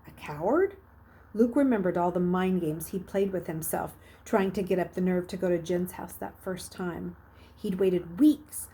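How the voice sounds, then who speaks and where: Telling a children's novel in a medium-pitched voice, a woman storyteller narrates with plenty of expression. She builds to emphatic swells and then softens into hushed phrases.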